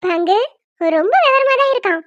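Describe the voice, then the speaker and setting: A woman's voice: extremely high pitch, lively intonation, normal speed, a bit bright, no echo, highs cut off. A woman voicing a young doting aunt who coaxes a crying baby in sing-song baby talk. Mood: coaxing. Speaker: cartoon voice actor. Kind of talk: homemade cartoon dubbing.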